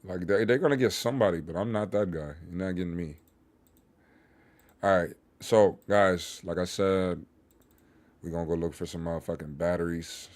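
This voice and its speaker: Low-voiced man streaming a game, slangy. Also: normal speed, darkish tone. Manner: laid-back, slangy and profane. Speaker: livestreamer. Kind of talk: casual live gameplay chat.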